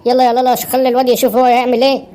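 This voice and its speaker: A woman's voice: high voice, level tone, very fast, warm tone, close to an everyday voice. A woman voicing a doting but nagging mother in a cartoon, coaxing her son awake in an Egyptian Arabic accent. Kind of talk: cartoon voice acting.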